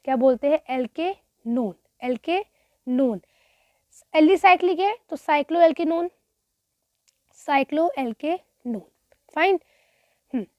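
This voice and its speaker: A woman's voice: sits high, a little mellow, dry recording. A woman teaching a chemistry exam revision lesson, asking herself questions and repeating the key terms, mixing in English phrases. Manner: mixes Hindi with English phrases.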